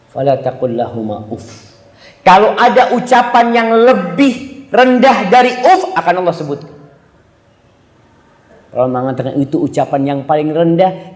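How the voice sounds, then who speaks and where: A man preaching a sermon, telling stories with lively acted-out voices. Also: mid-range voice. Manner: animated storytelling, acting out mother and child. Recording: echoey hall with long reverb.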